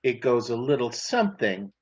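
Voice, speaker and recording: A man's voice: mid-range voice, sing-song, moderate pace. A man leaving a playful, mock-boastful recorded message as a caller. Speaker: co-host calling in.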